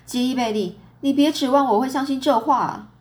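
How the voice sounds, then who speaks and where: A woman's voice: high-pitched, fairly quick, darkish tone, voice pushed up, lightly acted. A stern, exasperated mother, as a woman reader puts her on. She speaks firmly and scolds. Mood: scolding.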